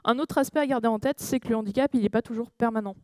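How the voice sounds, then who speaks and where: At a conference, a woman speaks at a racing pace in a voice on the high side, and the recording has no room sound. She hesitates and corrects herself often, filling gaps with fillers. She draws the audience in with questions to check they're with her.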